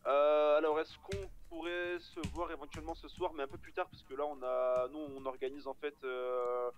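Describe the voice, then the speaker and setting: A man's voice: fairly high pitch, flat delivery. A man on a phone call arranging a late meeting, hesitant and businesslike. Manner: hesitant, businesslike, full of pauses.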